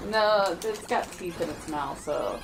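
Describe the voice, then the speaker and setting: Against a noisy background, a woman with a lowish, gravelly voice, lively intonation, and a measured pace chats casually while watching a retro game being played. As co-host of the playthrough, she is playful, teasing, and giggly.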